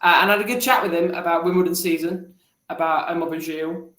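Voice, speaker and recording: A man's voice: on the high side, fairly even intonation, fast, pushed and bright, reverberant. A man telling stories as a regular podcast contributor in casual chat, rambling with restarts.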